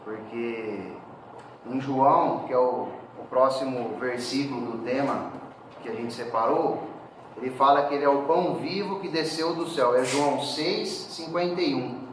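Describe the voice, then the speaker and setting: A preacher with a mid-range voice delivers his sermon casually and conversationally, frequently ending sentences with quick questions. He stands well back from the mic in a very echoey church hall, and a faint hiss runs beneath his voice.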